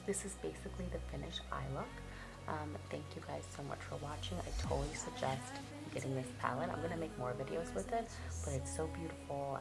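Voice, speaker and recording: Low, creaky, muffled woman vlogger. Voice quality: slightly muffled. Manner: chatty, self-deprecating, apologetic. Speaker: beauty vlogger. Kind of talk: casual makeup tutorial voice-over. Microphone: basic mic, not a good one. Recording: muffled cheap mic, loud music behind. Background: loud music.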